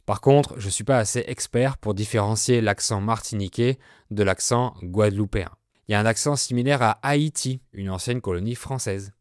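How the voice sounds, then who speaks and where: A French man hosting a podcast lesson, explaining with slow, clear delivery. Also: on the low side, no echo. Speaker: French teacher, podcast host.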